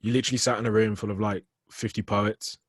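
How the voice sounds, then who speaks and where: A man's voice: fairly low pitch, flat delivery, fast, breathy edge, no echo, studio quality. A young man with a light Birmingham accent, chatting casually as a poet guest. He laughs often and talks loosely, with many restarts. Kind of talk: casual conversation.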